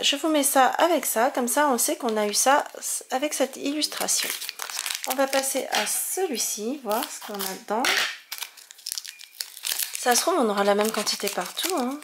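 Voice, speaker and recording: A woman's voice: sits high, moderate pace, slight background noise. A woman chatting casually as she opens trading cards, exclaiming over each one and stumbling over hard names. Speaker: card-opening video host. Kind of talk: casual card-unboxing commentary.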